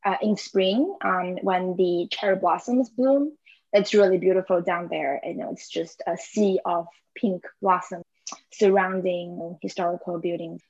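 A woman's voice: fairly low pitch, dry recording, dull audio. Hesitant young woman from southern China. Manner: hesitant, many fillers, frequent laughs. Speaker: podcast guest. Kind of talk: casual conversation.

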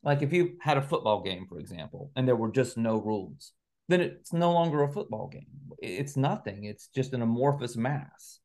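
A man with a mid-range, darkish voice talks at a moderate pace with lively intonation. He's an interview guest, reflecting conversationally on his ideas much like an author discussing his work, and he explains things through analogies and examples.

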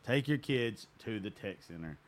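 A man hosts a casual podcast, swearing freely as he talks with his guest. His voice sits on the low side. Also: lively intonation, normal speed. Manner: swears casually, brief reactions. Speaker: podcast host.

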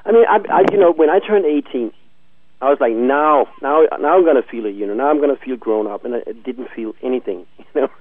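Co-host, man, 40s, halting and self-repeating, thin phone-like sound, dry. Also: medium pitch, dry recording. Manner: hesitant, repeats words, laughs often. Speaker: podcast co-host. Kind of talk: casual chat. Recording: tinny phone-like line.

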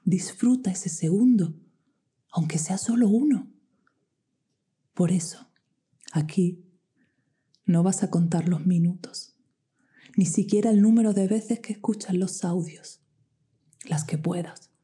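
A woman guiding a meditation in a soft, slow voice that often drops to a whisper. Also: fairly low pitch, breathy edge. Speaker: meditation guide. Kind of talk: guided meditation. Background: soft music with singing bowls.

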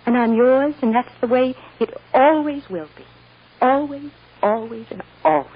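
In an old-time American radio drama from the 1940s-50s, an actress plays a loving mother soothing her young daughter. Her high voice has a breathy edge and normal speed, and she sounds tender, earnest, and reassuring. The recording is dull and noisy.

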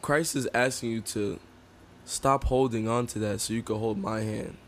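A man co-hosting a faith podcast, explaining in a relaxed way and often chiming in with agreement. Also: mid-range voice, normal speed, a little hiss or hum. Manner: affirming, chimes in with agreement. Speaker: podcast co-host.

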